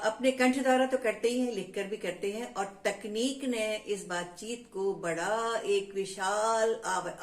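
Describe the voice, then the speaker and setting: A woman telling a story to children in a teacherly way, addressing them as friends. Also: medium pitch. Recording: roomy echo.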